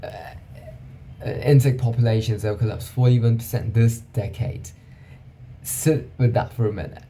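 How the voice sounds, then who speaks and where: Dark, gravelly-voiced man musing aloud. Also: medium pitch, steady tone, unhurried, slight background noise. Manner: musing, thinking aloud, often asks "right?". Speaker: vlogger. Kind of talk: casual reflective monologue.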